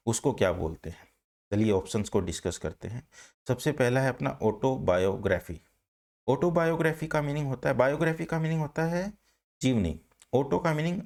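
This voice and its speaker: A man's voice: fairly low pitch, creaky, darkish tone. A man teaching an online vocabulary class, explaining step by step and often asking a question and then answering it himself.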